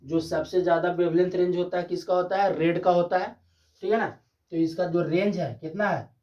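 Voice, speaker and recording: A man teaching a physics class, asking and answering his own questions and slowly dictating definitions. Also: high voice, fairly even intonation. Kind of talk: classroom lecture. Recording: dull distant classroom recording.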